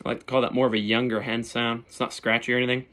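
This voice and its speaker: Over very noisy audio, a man of medium pitch talks very fast in a level tone. He's a turkey hunter casually demonstrating and explaining his calls, speaking bluntly, informally, with slang and mild cursing.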